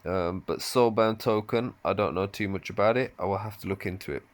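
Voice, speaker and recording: Low-voiced man musing over crypto notes. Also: brisk, no echo. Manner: casual, thinking aloud, offhand asides. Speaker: crypto video commentator. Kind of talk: reading and commenting on an AMA.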